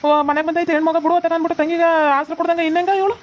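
A woman's voice: extremely high pitch, flat delivery, rapid-fire, background noise. A woman voicing a bossy young husband and brother who scolds his wife, with a North Karnataka Kannada accent. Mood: scolding.

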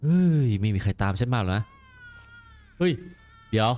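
Excitable man commenting on a game. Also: on the low side, normal speed, clean tone. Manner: excitable, exclaims and repeats words in bursts. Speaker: gameplay commentator. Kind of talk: let's play commentary.

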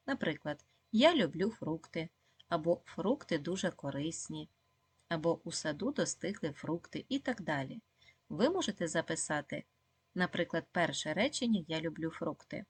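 Female primary teacher, low husky voice, dry close sound, patient encouraging delivery. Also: no echo. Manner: slow, clear, encouraging, with frequent praise and questions to pupils. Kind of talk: video lesson for second graders.

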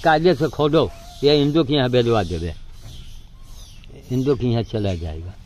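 A man's voice: mid-range voice, moderate pace, darkish tone. Older man coaxing animals outdoors. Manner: coaxing, talks to the animals, gives chores between remarks. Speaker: man feeding monkeys and directing a helper. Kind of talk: casual outdoor narration.

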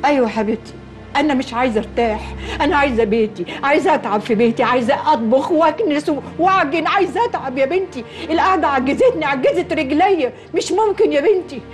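A woman's voice: high voice, lively intonation, fast talker, soft background music. A proud, scolding Egyptian mother. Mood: indignant. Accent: Egyptian Arabic. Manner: scolding, stubborn complaints. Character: middle-aged Egyptian mother, thrifty and proud. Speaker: mother-in-law.

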